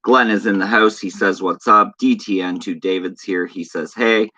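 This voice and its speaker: A man chats casually on a live stream, reading viewer comments one by one and greeting each person. His voice sits low and bright, and he takes his time. The audio is dull and lo-fi. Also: fairly even intonation, normal speed. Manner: laid-back, chatty, greets viewers by name. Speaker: horror channel host.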